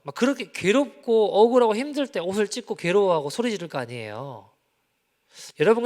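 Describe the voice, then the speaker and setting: A male pastor preaching a sermon, telling a story and acting out its dialogue, moving between soft and loud passages. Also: sits high. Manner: animated, acts out quoted dialogue, swings from soft to loud. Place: church sanctuary. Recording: long church-hall reverb.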